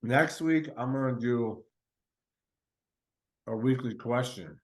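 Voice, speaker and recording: A man's voice: medium pitch, slow pace. A man co-hosting a podcast in casual chat, laid-back and rambling with many fillers. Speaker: podcast co-host.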